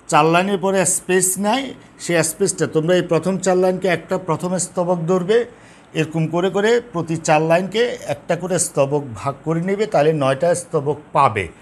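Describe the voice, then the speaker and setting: A man teaching a lesson on poetic meter, explaining patiently, repeating key terms and counting syllables slowly. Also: high-pitched. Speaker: Bengali literature teacher. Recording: faint background noise.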